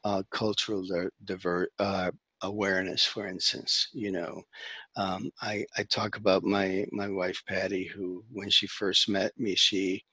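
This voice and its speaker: A middle-aged man raised in the Dominican Republic, a therapist talking as a guest in a conversational interview, halting with many fillers and restarts. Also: sits low, flat delivery, bright, forceful tone, breathy edge, no room sound.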